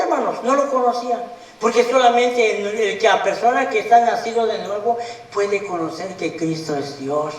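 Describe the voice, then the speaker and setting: High-voiced preacher man in an echoey room. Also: distant mic. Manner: emphatic, asks the congregation questions. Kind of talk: sermon. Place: meeting room of a Bible study group.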